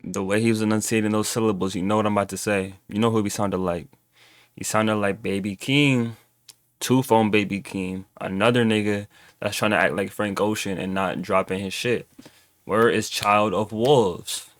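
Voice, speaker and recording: A young man with a fairly low voice talks through his reaction to an album, loose and unscripted, thinking aloud with plenty of fillers. His voice sits close and dry on the mic, with no room around it. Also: steady tone, normal speed, no room sound. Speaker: music reaction host. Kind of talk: casual album reaction commentary.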